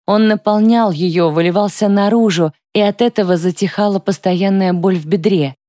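A woman narrating an audiobook with a calm, even reading close to the microphone. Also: medium pitch, moderate pace, no echo. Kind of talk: scripted narration.

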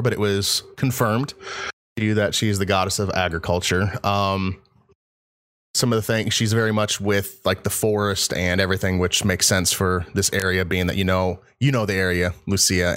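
A man narrating as game master in a tabletop game, relaxed and hesitant, with many fillers. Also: low voice, no room sound, clean studio sound.

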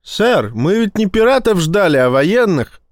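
A man's voice: sits high, very animated, measured pace, dry recording, studio quality, pitched above the performer's own voice. A man voicing a deferential male intelligence chief who answers formally and defensively. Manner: formal, defensive, repeating "sir".

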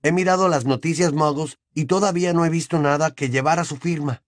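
A man's voice: a little high, steady tone, a little fast, no echo, studio quality, pitched above the performer's own voice, lightly acted. A man reading an audiobook, voicing an earnest, insistent teenage boy wizard.

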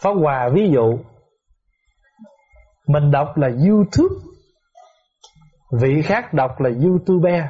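Monk, middle-aged, patient teaching tone with rhetorical questions, pitch a touch high, dull recording. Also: male voice, very animated, slow pace, long pauses, breathy edge. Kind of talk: dharma talk answering questions.

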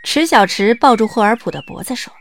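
A woman reading the narration of an audio drama in a smooth, lightly wry storytelling manner. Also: fairly high pitch, expressive, fairly quick.

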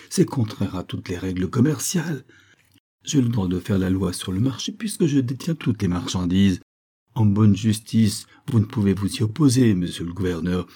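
A man's voice: lowish voice, mellow, breathy edge. A man reading an audiobook, voicing a greedy merchant with a trembling, wheedling, pleading voice. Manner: wheedling, lamenting, sugary. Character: greedy wheedling male merchant, whining, fawning. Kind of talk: audiobook character voice.

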